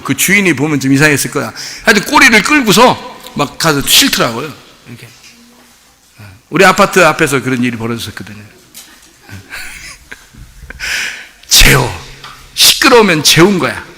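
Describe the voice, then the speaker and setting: Male pastor, middle-aged, high, brilliant tone, jokey storytelling sermon, long hall reverb. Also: normal speed, pauses often. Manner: animated, humorous storytelling with frequent laughs. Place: church sanctuary.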